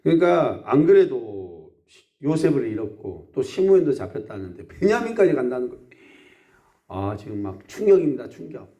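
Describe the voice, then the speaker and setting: A man's voice: mid-range voice, normal speed. A man preaching a live early-morning sermon in a small rural church, often putting questions to the congregation. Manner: animated, asks the congregation questions. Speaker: pastor.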